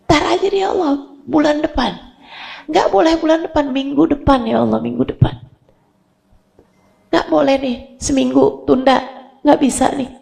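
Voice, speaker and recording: A woman voicing a dying sinner who desperately pleads and bargains with God for more time, in a high wailing voice. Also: vocal fry, mellow, full character voice.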